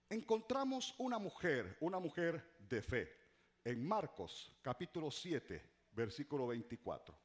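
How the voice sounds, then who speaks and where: Middle-aged preacher guy, fairly high voice, swoops up and down a lot, repeats stuff for punch. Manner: preaching with dramatic repetition and swings from loud to hushed; humorous asides to the congregation. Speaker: pastor. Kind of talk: sermon.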